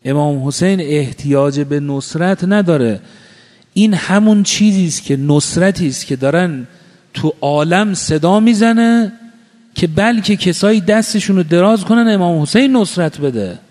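A man's voice: high voice, darkish tone. Male preacher, fervent sermon delivery with rhetorical questions and chanted quotes, long hall reverb. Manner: impassioned, rhetorical questions, chanted Arabic quotations. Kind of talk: religious sermon.

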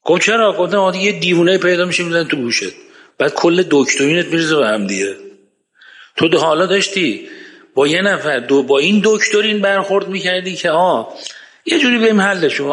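A man's voice: sits high, a bit bright. A man giving an emphatic, argumentative lecture and reciting verses from the Quran. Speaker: speaker giving a religious-political talk. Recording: long hall reverb.

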